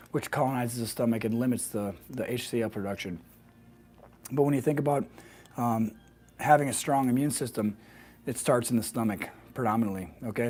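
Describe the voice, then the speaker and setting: A man with a slightly hoarse voice, as if a frog were in his throat, presents an informal wellness explainer. He talks quickly at an average male pitch. His delivery is fluent and instructive, with small check-ins to the listener. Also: darkish tone. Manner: fluent, explanatory, often checks with "right?" and "okay?". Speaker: health practitioner hosting a weekly wellness video. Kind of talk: informal explainer to camera, live stream.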